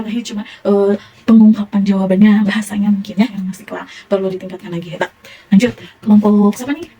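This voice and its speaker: Brisk, husky young Sundanese teacher woman. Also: medium pitch, mellow, rough recording. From Indonesia. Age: young adult. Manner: encouraging, praising pupils often. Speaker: primary school teacher. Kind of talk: classroom teaching.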